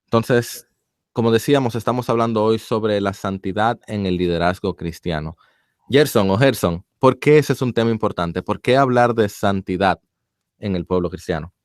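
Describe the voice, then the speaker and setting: Male radio host in studio, low voice, dry close sound, relaxed and joking with his guest. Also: normal speed, clear, resonant tone, no echo. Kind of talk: radio interview hosting.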